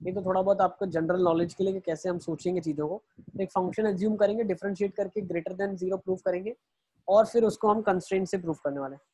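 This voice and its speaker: A man's voice: high voice, fast talker, dark tone, breathy edge. A man teaching math in an online lecture, explaining each step and answering his own questions as he goes, with English phrases mixed in.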